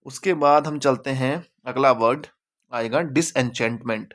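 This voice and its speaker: A man's voice: mid-range voice, slow pace, fairly bright tone. A man teaching vocabulary in a casual classroom style, chatty, mixing English terms into Hindi and repeating words for emphasis.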